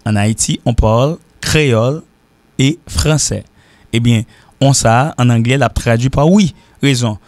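A man from Haiti with a Haitian accent, teaching an informal language lesson and repeating example sentences slowly. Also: medium pitch, a little mellow, dry recording. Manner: repeats example sentences slowly, switching between French and Creole. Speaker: English teacher.

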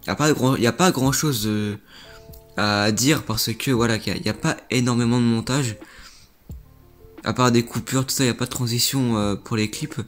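A man's voice: medium pitch, moderate pace, soft background music. A young man, a gaming YouTuber, rambling through casual reaction commentary on viewer clips and often repeating himself.

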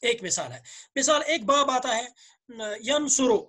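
A man with a Kashmiri accent and slightly hoarse throat, teaching a grammar lesson, asking questions and answering them himself while repeating words slowly. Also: extremely high pitch, sing-song, sharp tone. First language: Urdu. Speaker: Arabic teacher.

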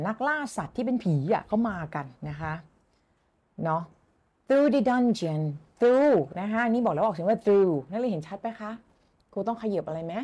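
A woman's voice: medium pitch, a little mellow. A woman with a Thai accent teaching English in a live stream, chatting with viewers, thanking them and asking her students questions.

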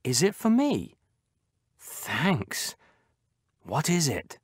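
A man acting a grateful young man in a textbook listening dialogue, with a soft husky voice. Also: on the high side, wildly swooping pitch, extremely slow, no echo, studio quality, exaggerated voice.

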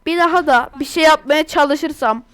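A woman from Turkey giving casual, chatty commentary over her own gameplay, excitable and quick to burst into exasperated outbursts. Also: sits high. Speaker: gaming YouTuber.

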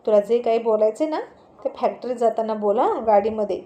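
A woman narrator plays a puzzled man in a family storybook scene. He keeps asking questions in a mellow, slightly high voice. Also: fairly quick, close to an everyday voice.

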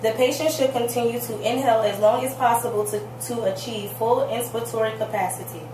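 A woman's voice: on the high side, steady tone, fairly quick. Woman presenter reciting, echoey and distant. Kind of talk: scripted instructional explanation. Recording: distant mic, echoey room, clear noise.

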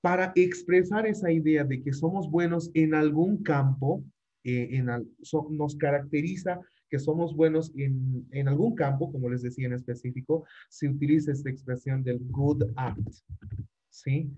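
Man, English teacher, mellow higher voice, repetitive, checking in with the class, dull lo-fi recording. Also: normal speed. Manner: repetitive, checks understanding with frequent tag questions. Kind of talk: classroom lesson explaining grammar.

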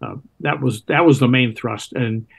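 A man in his seventies with an American accent, a retired Navy pilot reminiscing plainly and haltingly on a video call. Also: medium pitch, vocal fry, breathy edge. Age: 70s. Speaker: interview guest, retired Navy test pilot. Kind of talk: reminiscing in conversation. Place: home room indoors. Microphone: video call, computer microphone.

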